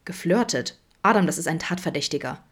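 A woman reading a male detective in an audiobook-style podfic, smooth and quiet, dropping into hushed threats. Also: deep voice, expressive, a little fast, full character voice. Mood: teasing. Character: calm charming male detective, softly menacing.

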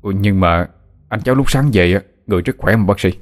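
An eager young village man, voiced by a male storyteller speaks quickly and excitedly, his low voice climbing as he gets worked up. Faint music sits under the speech. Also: close to an everyday voice. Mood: anxious. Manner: excited, rising to frantic shouts.

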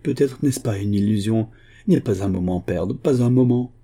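A man's voice: medium pitch, normal speed, dark tone, voice pushed up, natural voice. A man voicing a desperate, breathless young woman pleading with her father. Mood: frantic.

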